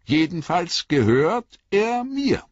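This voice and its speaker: A man's voice: high-pitched, big pitch swings, slow, no room sound, voice pushed up, heavily acted. A man reading an audiobook, voicing a young, earnest male hobbit who is anxious and eager. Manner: eager, rising and pleading. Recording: dull lo-fi audiobook recording.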